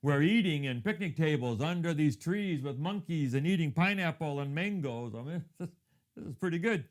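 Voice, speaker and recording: A Thai-raised man in his fifties delivers a thoughtful devotional talk centered on a personal story, frequently lowering his voice to a hush. His pitch sits slightly high, with lively intonation and a moderate pace.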